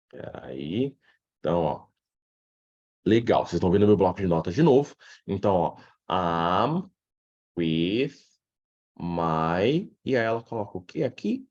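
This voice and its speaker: A Brazilian man leads a live English lesson, acting out his students' questions as he goes. His voice sits low with a husky edge and leaps around a lot. The sound is dull and lo-fi. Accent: Brazilian Portuguese. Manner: animated, acts out student questions. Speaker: English teacher.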